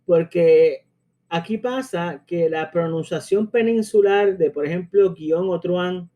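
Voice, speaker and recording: A man with a Caribbean Spanish accent explains a language lesson in a conversational way, often checking in with tag questions and pausing to hesitate. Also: high voice, lo-fi sound. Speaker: language teacher.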